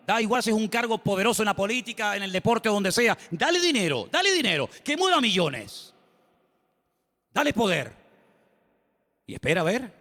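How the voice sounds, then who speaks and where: A man preaching a sermon as pastor, telling the story dramatically with folksy humorous asides. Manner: dramatic storytelling with shifting pitch and loudness. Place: church hall. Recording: long hall reverb.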